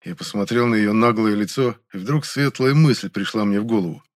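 A man's voice: on the low side, brisk. A man narrating a first-person audiobook, cool and mocking in the hero's dialogue.

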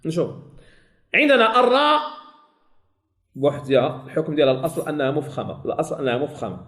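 A Moroccan man with a rather high voice teaches a tajweed class. He stretches each sample word out slowly and repeats it. Between the examples he corrects his pupils and checks that they follow. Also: big pitch swings, fairly bright tone. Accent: Moroccan Arabic. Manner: slowly drawn-out sample words, repeated to students. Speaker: Quran recitation teacher.

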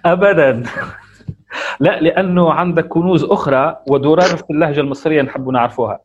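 A man's voice: on the high side, fast, breathy edge. Guy hosting an online session, friendly and encouraging, muffled audio.

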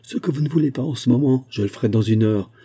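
Man voicing a fierce shouting musketeer captain. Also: mid-range voice, quick pace, husky, pitched above the performer's own voice, lightly acted. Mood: desperate. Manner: shouting, impassioned. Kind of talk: audiobook character voice.

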